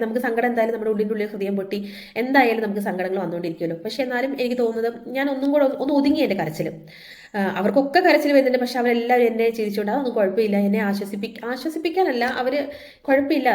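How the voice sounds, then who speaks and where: A woman's voice: medium pitch, a little mellow. A woman, earnestly telling viewers about her illness journey in a casual vlog, with many restarts. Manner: emotional, earnest, with frequent restarts and fillers. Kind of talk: casual personal storytelling to viewers.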